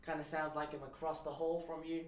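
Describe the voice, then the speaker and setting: A man's voice: a little high, flat delivery, a little fast. A man testing a condenser microphone from the back of a small room, so his voice comes through distant and echoey with a faint fan hum. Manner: plain, explanatory, walks about while talking. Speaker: microphone reviewer. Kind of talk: casual product-test demo. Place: small treated room at home. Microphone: condenser desk mic from several metres away.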